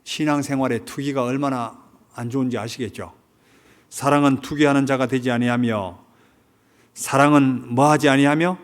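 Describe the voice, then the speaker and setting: Korean pastor preaching with questions. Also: male voice, mid-range voice, fairly even intonation, normal speed. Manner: retells a film story, asks the congregation questions. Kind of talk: Sunday sermon. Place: church sanctuary.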